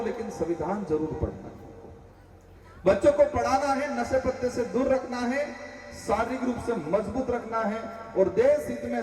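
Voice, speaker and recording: A man's voice: extremely high pitch, a little mellow, slight background noise. Impassioned man giving a rally speech. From Rajasthan. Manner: impassioned, rhetorical questions, repeated calls to the crowd. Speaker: political leader addressing a rally. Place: public gathering. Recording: echoey PA sound from far off.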